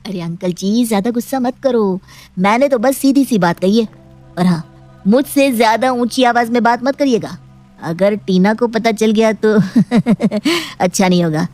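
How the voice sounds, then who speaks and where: A woman's voice: a little high, moderate pace, darkish tone, soft background music, natural voice. A woman playing a smug, greedy young man. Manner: smug, cheeky, mocking. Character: cocky greedy jobless young man, brash. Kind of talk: animated storybook voice acting.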